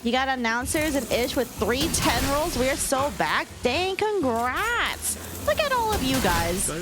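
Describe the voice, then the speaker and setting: A high-voiced woman in her late twenties hosts a casual gaming stream. Her delivery is giggly and very animated, swinging widely in pitch. Some music plays behind her as she chats. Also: measured pace. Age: late 20s. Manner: giggly, laughs often. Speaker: livestream host. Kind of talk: casual livestream chat while gaming.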